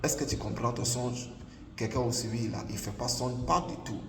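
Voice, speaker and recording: A prophet preacher from Ghana, a native English speaker with a Ghanaian accent, delivers an emphatic, repetitive online sermon, dropping the filler "là" everywhere. His medium-pitched voice is a bit bright and runs at normal speed. The echoey hall, distant mic and faint ambience come with a little hiss or hum.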